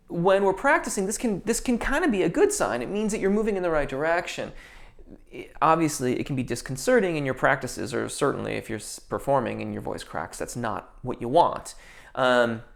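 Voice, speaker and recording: On a casual live stream, a young voice teacher reads comments from viewers and answers them with singing terminology. His voice leans high, and he often hesitates with ums and restarts what he's saying.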